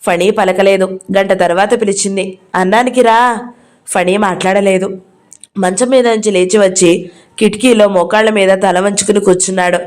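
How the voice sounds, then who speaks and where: Woman audio-novel narrator, steady storytelling read. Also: medium pitch, moderate pace. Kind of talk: reading a novel aloud.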